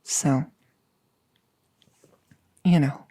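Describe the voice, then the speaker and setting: Speaking extremely slowly with a warm tone, a woman performs an ASMR roleplay as a girlfriend about to become a vampire. She's nervous but resolute, and her delivery is hesitant, rambling and earnest, captured in a dry recording.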